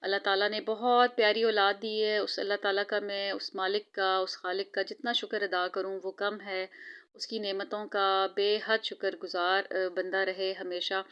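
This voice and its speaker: A woman's voice: mid-range voice, level tone, normal speed, fairly bright tone, clean tone, lo-fi sound. A woman in her thirties narrating her family's evening routine in a casual vlog, opening with devout greetings and talking chattily with frequent hesitations. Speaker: vlogger.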